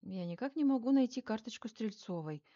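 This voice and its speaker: A woman's voice: on the high side, animated, a little fast, mellow, highs cut off, lightly acted. A woman reading an audiobook, voicing a nervous, evasive female clinic secretary with strained politeness. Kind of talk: audiobook character voice.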